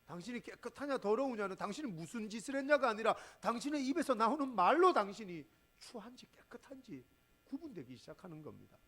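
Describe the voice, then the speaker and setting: A male pastor delivers an emphatic sermon to his congregation. His high voice rises and falls very widely. He peppers the sermon with rhetorical questions and swings from forceful exclamations to low, quiet asides. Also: big pitch swings, a little fast.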